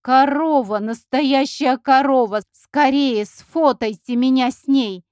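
A woman's voice: mid-range voice, a little slow, no room sound, natural voice. A woman voicing a spoiled, bossy rich young woman who drawls haughtily. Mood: excited shriek.

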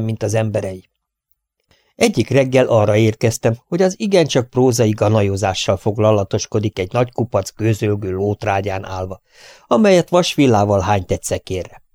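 A man reading an audiobook in steady, measured narration on a close studio mic. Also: fairly low pitch, no room sound. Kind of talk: scripted narration.

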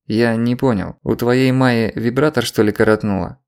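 A man reading an audiobook, voicing a gruff, sardonic middle-aged official woken in the night. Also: medium pitch, steady tone, normal speed, a little mellow, lightly acted.

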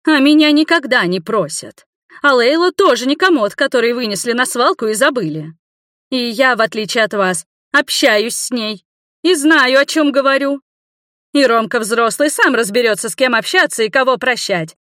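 A woman's voice: fairly high pitch, very animated, moderate pace, fairly bright tone, dry recording, clean studio sound, pitched above the performer's own voice. A woman voicing a domineering grandmother over eighty. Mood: commanding. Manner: commanding, reproachful.

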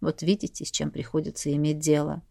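A woman voicing a cold, mocking nobleman husband who speaks softly with false innocence. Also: low voice, fairly quick, vocal fry, breathy edge, no room sound, studio quality, pitched below the performer's own voice, exaggerated voice. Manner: soft, falsely innocent and icy.

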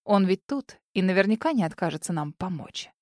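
A smug young male villain in an audiobook, coolly mocking and menacing, his voice pushed low and quiet, as a woman puts him on. The reading sounds dry and close. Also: big pitch swings, fairly quick, no echo. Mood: mocking menace.

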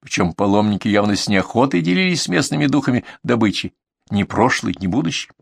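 A man narrating an adventure audiobook in an expressive, storytelling manner. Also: fairly low pitch, fast, gravelly, breathy edge, no room sound. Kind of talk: scripted narration.

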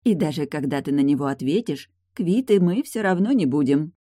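A reader voicing a sharp-tongued young woman who teases in a languid, mocking way. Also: sits low, lively intonation, fairly quick, dry recording, studio quality. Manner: teasing, languid.

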